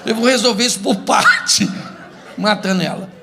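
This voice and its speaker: A Brazilian pastor delivers a humorous sermon in a church, telling stories and acting out couples' quarrels while the congregation laughs. His voice sits high and sounds gravelly and bright, with a forceful tone at a normal speed.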